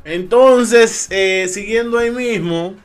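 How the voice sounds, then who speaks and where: Slow-talking high-voiced man. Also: soft background music. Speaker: podcast co-host. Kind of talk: casual chat.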